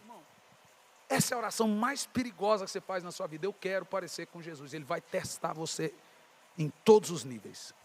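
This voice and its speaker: A Brazilian man preaching a sermon as a pastor, telling a story and acting out both sides of the dialogue, at times building to shouts. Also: high-pitched, brisk. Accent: Brazilian Portuguese. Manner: storytelling, voicing God and others in dialogue, rising to shouts.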